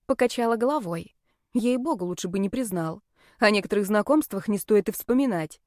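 A woman's voice: medium pitch, lively intonation, brisk, a little mellow, dry recording, clean studio sound. A woman narrating a first-person audiobook in a wry, sardonic tone.

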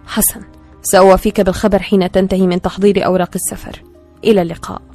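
A woman's voice: mid-range voice, little pitch movement, rapid-fire, dark tone, soft background music, close to an everyday voice. A woman reading the part of a man who speaks dryly and curtly. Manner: dry, curt. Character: man, dry, curt go-between husband.

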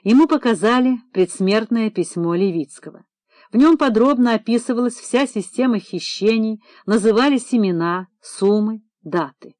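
A woman narrating a detective audiobook in a steady, even storytelling manner. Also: fairly high pitch, moderate pace, no room sound, studio quality. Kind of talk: scripted narration.

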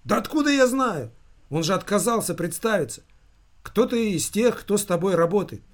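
A man putting on a shrill hysterical mother. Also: a little slow, close to an everyday voice. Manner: shrill, pleading, tearful. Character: hysterical anxious middle-aged mother.

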